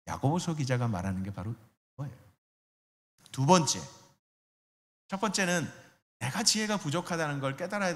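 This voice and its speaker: Lively high-voiced male pastor preaching. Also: big-room sound. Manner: animated preaching, acts out quoted voices and asks listeners questions. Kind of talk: sermon. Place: church sanctuary.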